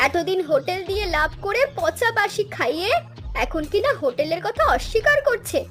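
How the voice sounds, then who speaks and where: Cartoon role: a woman as a high-voiced, bossy scheming village wife, faint music behind. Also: expressive, moderate pace, fairly bright tone. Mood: accusing. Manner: bossy, commanding. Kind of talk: cartoon dubbing.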